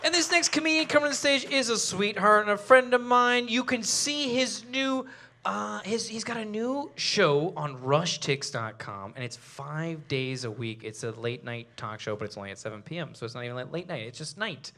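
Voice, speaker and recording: A woman's voice: medium pitch, normal speed, sharp tone. A woman hosting a live comedy show on a small stage, bantering with her guests in a chatty, apologetic way. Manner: chatty, apologetic, laughing asides.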